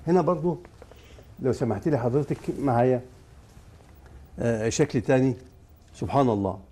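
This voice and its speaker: A man's voice: mid-range voice, lively intonation, moderate pace, mellow. A man with an Egyptian accent, a scientist guest on a TV talk show, explaining step by step and speaking directly to viewers. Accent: Egyptian Arabic.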